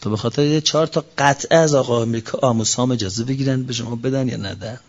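A man preaching a fervent sermon. His voice rises and falls sharply, and he recites scripture verses slowly. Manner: fervent, with sudden rises and drops in pitch. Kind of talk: impassioned sermon. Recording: dull lo-fi recording.

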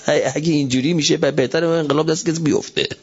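A middle-aged man giving a religious talk, animated, swinging between loud emphatic lines and low soft asides. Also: husky. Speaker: preacher. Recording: dull lo-fi recording.

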